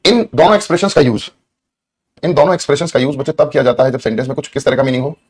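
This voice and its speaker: A man's voice: mid-range voice, racing, slightly rough. A man teaching an English grammar lesson, repeating points and asking students questions. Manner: repetitive, asks students questions, stretches words when dictating. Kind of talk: exam-prep grammar lesson.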